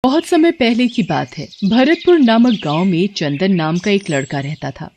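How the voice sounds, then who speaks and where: A woman narrating devotional stories in an expressive, dramatic way. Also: medium pitch, normal speed, slight background noise. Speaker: storyteller.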